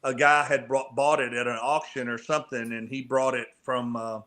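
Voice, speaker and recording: A man's voice: mid-range voice, level tone, moderate pace, pushed and bright. A man from Kentucky, a film guest on a podcast, telling stories in an easygoing, rambling way. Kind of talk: casual chat.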